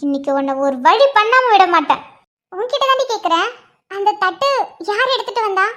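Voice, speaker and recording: A woman's voice: extremely high pitch, expressive, a little fast, a bit bright. A woman voicing an anxious young heroine. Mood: demanding. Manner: pleading, distressed. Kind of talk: animated cartoon voice acting.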